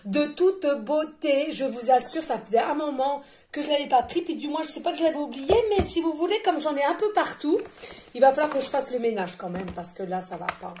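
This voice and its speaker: Woman, high voice, loud and carrying, chatty card reader, frequent laughs, hesitant fillers, no microphone, faint hiss. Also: animated, fast. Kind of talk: casual card-reading guidance. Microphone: no microphone, picked up by the device directly.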